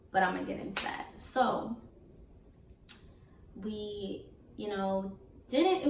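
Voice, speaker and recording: A woman's voice: mid-range voice, darkish tone. A young adult woman telling a casual storytime monologue in a chatty, candid, slangy way. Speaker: beauty vlogger. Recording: echoey room, voice from a distance, faint hiss.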